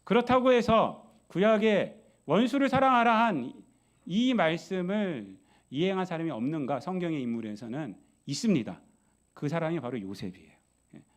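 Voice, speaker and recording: A man preaching a sermon as pastor, telling Bible stories in a lively way and acting out their voices with many rhetorical questions. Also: fairly high pitch, normal speed.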